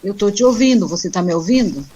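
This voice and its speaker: A woman's voice: mid-range voice, lively intonation, fast talker, dark tone, breathy edge, muffled recording. A woman in a casual chat, heard as a remote voice over a call line with hiss, giving plain, short replies. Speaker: caller joining a live chat.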